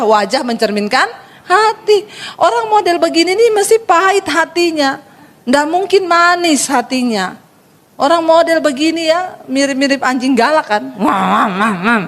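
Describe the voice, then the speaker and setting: A woman's voice: sits high, fairly bright tone, long reverb tail. A woman pastor preaching a sermon, telling funny stories and speaking directly to her congregation. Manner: humorous storytelling, acts out dialogue.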